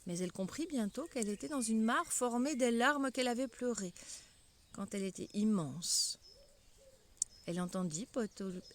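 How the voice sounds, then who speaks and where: An older woman reading a children's story aloud in a measured, expressive way. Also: a little high, slight background noise.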